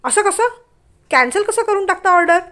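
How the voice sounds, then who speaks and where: A woman voicing a flustered but spirited young woman who turns sharp and scolding. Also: high-pitched, lively intonation, moderate pace. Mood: indignant.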